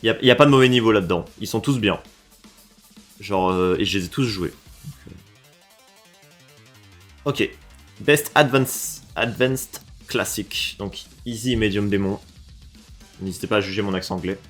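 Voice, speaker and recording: A French man with a lower voice reacts to game levels like a laid-back streamer, sinking into quiet mumbles before bursting out loud and excited, cursing freely. He talks briskly but leaves long pauses, with faint music underneath.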